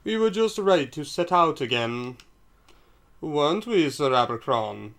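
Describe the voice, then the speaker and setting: A man's voice: a little high, very animated, measured pace, a bit bright, exaggerated voice. A man voicing a pompous, vampire-looking male noble for a game, with a mock-pompous manner.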